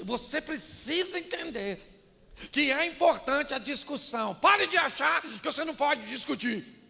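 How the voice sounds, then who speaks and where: Man, older pastor, jokey sermon, acts out scenes, very high voice, long hall reverb. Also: vocal fry, sharp tone. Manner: jokey, acts out household dialogues, laughs often. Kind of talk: humorous sermon.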